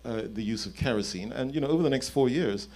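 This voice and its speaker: Speaking fast in a medium-pitched, slightly mellow voice, this chief executive in his fifties sits on a conference panel. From an indoor stage, he explains concrete points into a handheld mic.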